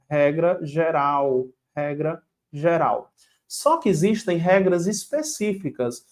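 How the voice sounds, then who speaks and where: A man teaching an online exam-prep grammar lesson, quizzing the viewers and drilling rules with repetition and a rhyme. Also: on the high side.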